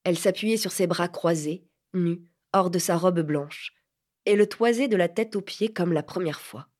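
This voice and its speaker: A woman narrating a classic French novel as an audiobook in a measured, expressive reading. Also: lowish voice.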